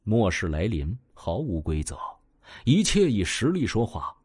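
Male narrator, low voice, husky, very lively pitch, expressive storytelling. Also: measured pace, no echo, clean studio sound. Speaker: audiobook narrator. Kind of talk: scripted narration of a web novel.

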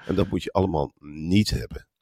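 A man co-hosting a podcast in casual political chat, talking in an animated, gossipy way and acting out quotes. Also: low-pitched, a little fast, creaky, dry recording, clean studio sound. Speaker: podcast co-host.

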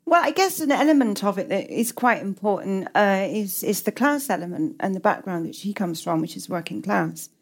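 A middle-aged English writer answers interview questions reflectively, hesitating and often repeating or restarting her words. Her mid-range voice is expressive, at a moderate pace with few pauses.

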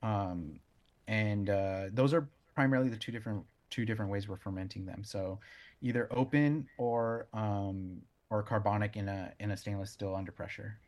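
In a fairly low, slightly mellow voice, a brewer being interviewed talks casually and haltingly while hunting for the right words.

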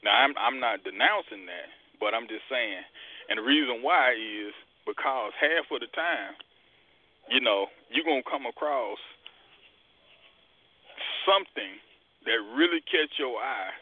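A man's voice: medium pitch, expressive, measured pace, pauses often. Guy cussing his way thru a story on internet radio, voice all over the place, sounds like a phone line. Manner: profane, rambling storytelling. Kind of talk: casual talk-radio chat.

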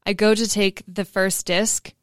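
A woman's voice: mid-range voice, flat delivery, measured pace, no echo, studio quality. A woman podcast co-host telling stories in a casual, conversational way.

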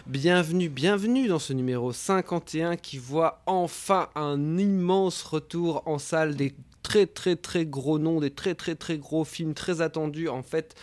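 A man's voice: fairly high pitch, unhurried, hardly any pauses, darkish tone, no echo. A man hosting a casual online film roundtable, talking over a video call with many fillers and repeated words. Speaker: host of a film roundtable show.

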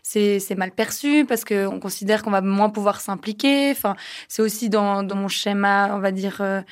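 Brief: young woman interviewee, indignant, halting with fillers. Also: mid-range voice. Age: young adult. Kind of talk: spontaneous interview answer.

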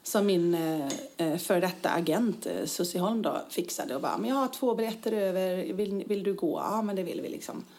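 A woman's voice: fairly low pitch, hardly any pauses, a little mellow. A woman co-hosting a casual chat show, telling anecdotes, acting out quotes and laughing often, tired after a busy week. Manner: chatty storyteller, acts out quotes, laughs often. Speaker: podcast co-host.

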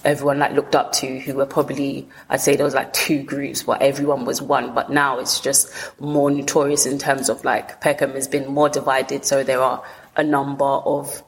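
A woman with a low voice and a south London accent speaks candidly as an interview guest. She talks colloquially, in short bursts, often rewording as she goes. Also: level tone, normal speed, low-quality recording. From south London, England. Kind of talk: candid personal storytelling in an interview.

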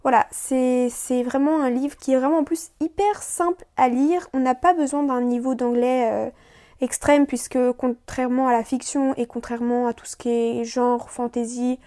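A woman's voice: high-pitched, fairly even intonation, moderate pace, mellow. A young woman hosting a casual solo podcast, chatting with lots of fillers and restarts. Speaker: podcast host.

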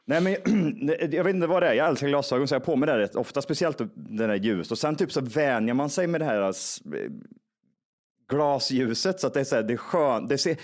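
A young man telling a long story in casual podcast chat, animated and full of swearing, acting out the people he quotes. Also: mid-range voice.

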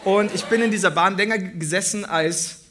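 A man co-hosting a comedy podcast live on stage, telling an animated anecdote with laughter and acted-out voices. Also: high voice, brisk. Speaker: podcast co-host. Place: on stage before a live audience in a large hall.

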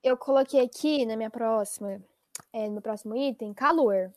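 A woman chatting casually who complains in an expressive, exaggerated way. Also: a little high, moderate pace, no echo, clean studio sound. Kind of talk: casual chat.

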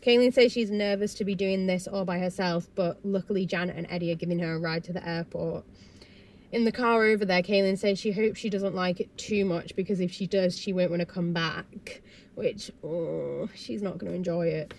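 A woman's voice: lowish voice, steady tone, moderate pace, a little mellow, a little hiss or hum. A young woman, casually recapping a reality show with sarcastic asides and frequent "like"s. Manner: chatty, sarcastic asides, lots of "like".

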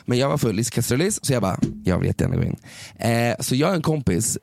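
A man's voice: medium pitch, very animated, creaky, darkish tone, slight background noise. A man telling a drunk party story in casual chat, slangy, swearing and mixing in English phrases. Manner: laid-back and slangy, swears and mixes in English.

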